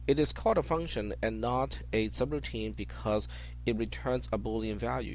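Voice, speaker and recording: Low-voiced man teaching, humming background noise. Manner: methodical, explanatory. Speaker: college programming instructor. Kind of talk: informal screencast tutorial. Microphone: headset.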